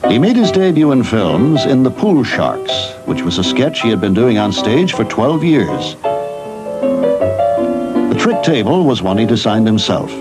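A man's voice: medium pitch, very animated, unhurried, loud music behind the voice. A middle-aged man presenting a documentary with polished, scripted storytelling narration.

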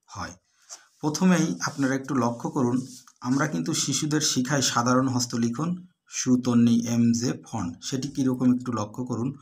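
A man who teaches handwriting. He speaks in a measured, deliberate way and keeps pointing things out to the viewer as he demonstrates. His voice sometimes drops and moves off the mic while he writes. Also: mid-range voice, a bit bright. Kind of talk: instructional lesson while demonstrating writing.

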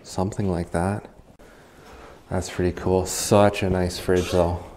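Male explorer host, low-voiced and slow, wowed by small finds, camera mic in empty rooms. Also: level tone, a little mellow, a little hiss or hum. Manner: chatty, easily amazed, quick laughs. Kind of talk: casual walkthrough commentary. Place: empty abandoned house, indoors.

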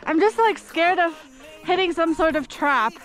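A woman's voice: extremely high pitch, expressive, normal speed, a bit bright, faint music behind. A young woman talking to herself as she skis a steep slope, nervous and unsure of the way down, recorded on a helmet camera outdoors. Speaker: ski vlogger. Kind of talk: first-person ski vlog narration. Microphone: helmet-mounted action camera.

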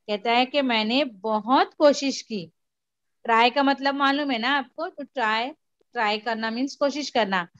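A woman's voice: on the high side, a bit bright, no room sound, lo-fi sound. A woman teacher explaining a story to a class, patiently repeating and mixing in English. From India. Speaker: school teacher.

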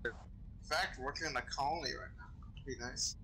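Over game voice chat with faint background noise and poor audio, a young man improvises as a bartender in a role-play. His mid-range voice is sharp in tone and a little fast.

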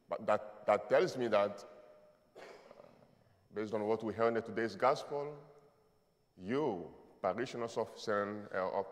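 A man from the Democratic Republic of the Congo, a visiting priest preaching a sermon in an earnest, emphatic way with halting fillers. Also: fairly low pitch. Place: large church sanctuary. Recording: long hall reverb.

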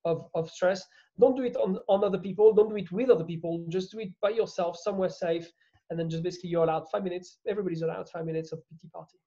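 A man's voice: sits high, steady tone, fast talker, dark tone, highs cut off. A man with a French accent, a guest in an interview, talking earnestly with many restarts. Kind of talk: casual interview chat.

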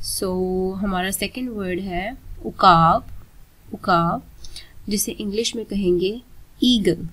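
A woman teaching bird names, saying each word twice in a loud, emphatic voice. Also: mid-range voice, rough recording. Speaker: vocabulary teacher. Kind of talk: slow vocabulary lesson.

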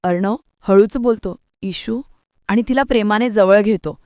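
A woman narrating a TV serial recap in an even, scripted storytelling manner. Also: mid-range voice, moderate pace, smooth, no echo, studio quality.

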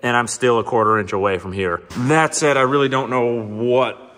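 In a spacious indoor garage workshop, a man in his thirties who works as a mechanic and video host gives a casual, candid install walkthrough to camera. He has a medium-pitched, fairly bright voice and talks at a normal speed, explaining as he goes. The recording is echoey, with clear background noise and clicks.

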